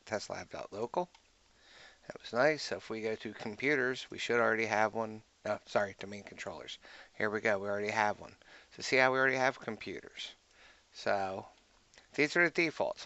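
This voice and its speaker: A man's voice: on the low side, creaky, bright, forceful tone. A man giving a casual screen-recorded tech walkthrough, thinking aloud and muttering to himself as he clicks. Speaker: IT tutorial host.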